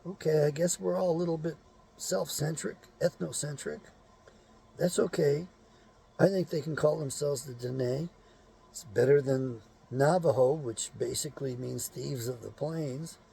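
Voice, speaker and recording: A man's voice: fairly high pitch, unhurried, vocal fry, dark tone, slight background noise. A man hosting his own show, talking in a blunt, rambling monologue full of cursing and rhetorical questions. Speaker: show host.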